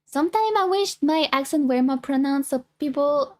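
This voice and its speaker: A high-voiced young woman from France, speaking at normal speed with a French accent, reacts to a video as a VTuber streamer. Her casual chatter meanders, and she often breaks off and starts again self-consciously.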